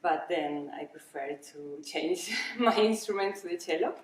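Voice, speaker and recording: A woman cellist answering an interview question hesitantly and softly, with many fillers. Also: fairly low pitch, measured pace. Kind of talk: conference interview. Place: busy conference venue. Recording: roomy, distant, with crowd murmur.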